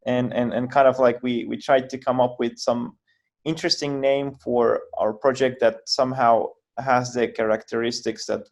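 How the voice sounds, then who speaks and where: A Finnish founder, appearing as a guest on a video call interview, explains his answers haltingly, often repeating and restarting words. His mid-range voice is level and a little mellow.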